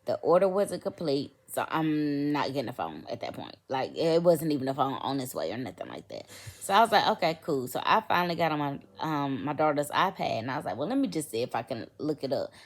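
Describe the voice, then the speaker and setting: A woman's voice: low voice, very animated, fairly quick. A middle-aged woman, venting in a rambling, sleepy casual storytime vlog. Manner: rambling, venting, lots of fillers. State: sleepy, yawning. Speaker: vlogger.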